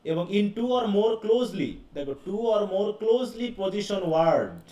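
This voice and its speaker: A man's voice: high-pitched, big pitch swings, very slow, warm tone. A man teaching a live class, explaining step by step and asking his students questions. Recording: echoey classroom heard from a distance.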